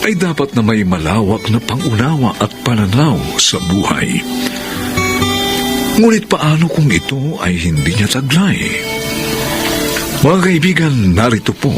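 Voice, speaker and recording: A man narrating and announcing a classic radio drama in a solemn, measured manner, with the sound of an old radio broadcast. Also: mid-range voice, big pitch swings. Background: loud dramatic music.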